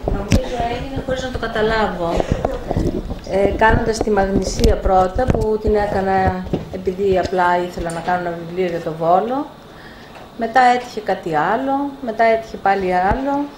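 An older woman publisher telling lively anecdotes in an interview, acting out the dialogue. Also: medium pitch. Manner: animated anecdotes with acted-out dialogue. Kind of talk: storytelling in a live interview. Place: bookshop event room. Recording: echoey room, faint background noise.

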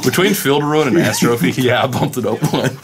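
A man's voice: medium pitch, a little fast, noisy background. A man playing a card game, chatting casually, teasing and laughing often. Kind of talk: casual chat during a match. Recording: crowd chatter around the mic. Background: crowd.

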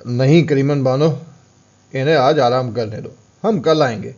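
A man's voice: mid-range voice, a little mellow, close to an everyday voice. Brief: man reading a haughty merchant, curt and offhand, dull-sounding storybook audio. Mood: aloof. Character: proud wealthy male merchant, aloof.

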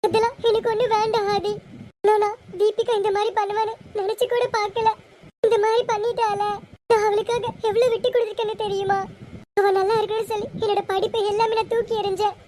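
Her voice sits very high and thin, with a faint hiss in the background. She plays a wounded young wife in an amateur serial, pleading and near tears as she pours out her hurt, voiced by a woman. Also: flat delivery, fast talker, mellow. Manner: pleading, tearful. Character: distraught young wife betrayed by her sister. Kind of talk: amateur Tamil serial voice acting.

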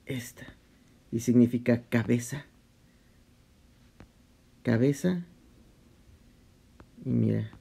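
Slow-talking man with a dark voice. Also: mid-range voice, creaky, husky. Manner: conversational, mixes English slang into Spanish, halting restarts. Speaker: vlogger. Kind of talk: casual Bible study explanation.

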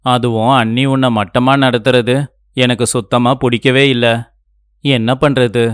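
A man's voice: mid-range voice, little pitch movement, unhurried, clear, resonant tone, no room sound, clean studio sound, lightly acted. A man voicing a kind young husband in a cartoon story, speaking in an earnest, pleading manner. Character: kind young husband defending his wife. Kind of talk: cartoon voice acting.

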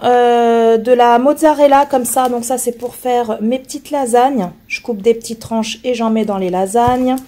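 A woman who is hoarse from being ill, chatting casually to camera as she shows her groceries, rambling with many fillers and restarts. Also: fairly high pitch, dark tone. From France. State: hoarse from illness. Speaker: vlogger showing her groceries.

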